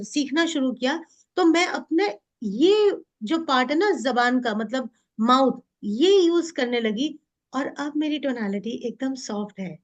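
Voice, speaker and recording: A woman in her forties, a mindset coach, leading an interactive training session and switching between Hindi and English. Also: high voice. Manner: mixes Hindi and English, animated and demonstrative.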